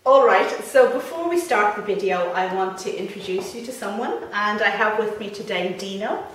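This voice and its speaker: A woman's voice: medium pitch, lively intonation, moderate pace, faint music behind. A woman hosting a casual gardening chat, asking friendly, short questions. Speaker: host of a gardening channel. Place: at home in Ireland. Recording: roomy, slightly distant, faint noise.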